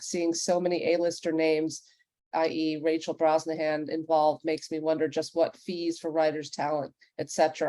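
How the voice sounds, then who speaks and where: A woman with a low, warm voice moderates a panel discussion, offering plain-spoken advice conversationally and asking the panelists questions. She is a podcast executive, and the recording has no echo.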